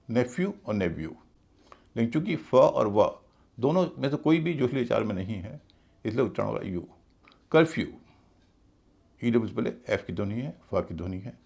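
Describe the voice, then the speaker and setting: A man teaching English pronunciation in a video class. His voice is husky with a gravelly edge, and his pitch moves a lot. He spells out letters and repeats each word methodically. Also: a little mellow. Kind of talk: explanatory video lesson.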